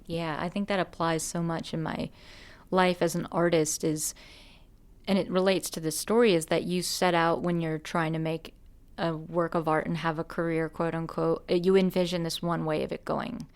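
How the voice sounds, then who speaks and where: A woman's voice: low-pitched, flat delivery, moderate pace, darkish tone, clear, resonant tone. A woman hosting a podcast, an artist talking earnestly and musingly, with restarts and light laughs. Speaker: podcast host and musician. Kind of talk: reflective conversation.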